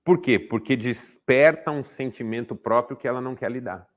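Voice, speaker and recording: A man of medium pitch and normal speed, a therapist, gives a motivational talk to a men's group. He asks rhetorical questions and acts out little dialogues.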